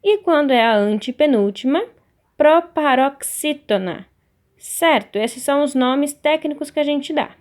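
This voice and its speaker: A woman's voice: high-pitched, lively intonation, darkish tone. Patient Brazilian woman teaching a lesson. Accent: Brazilian Portuguese. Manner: patient, stretches out key words slowly. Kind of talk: recorded online lesson.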